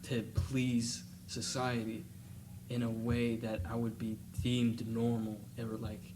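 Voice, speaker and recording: A young man talking in a casual student discussion, halting, with many fillers and restarts. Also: medium pitch, completely flat delivery. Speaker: student panelist. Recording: distant mic with noticeable hiss.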